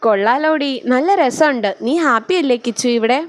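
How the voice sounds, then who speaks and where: A woman voicing a lively young woman, a playful best friend, in a storybook reading. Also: high-pitched, normal speed, no echo, close to an everyday voice. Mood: teasing. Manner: playful, bantering.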